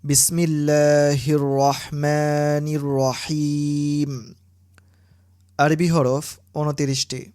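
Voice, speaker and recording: A woman teaching Quran reading, pronouncing letter sounds slowly and deliberately, one syllable at a time. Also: deep voice, darkish tone, no echo, studio quality. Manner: slow, deliberate, drawn-out syllables. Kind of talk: slow instructional recitation lesson.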